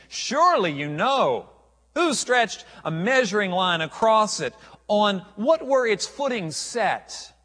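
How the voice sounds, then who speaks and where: A man reading the words of God aloud from scripture in a slow, booming, emphatic voice. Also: a bit bright, in a large hall, exaggerated voice. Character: thundering almighty God questioning a man.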